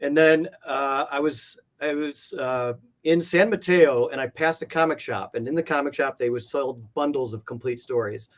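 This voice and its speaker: Being interviewed as a comic art collector, this man tells meandering stories full of casual filler words. His pitch is medium, his pace moderate, and he barely pauses.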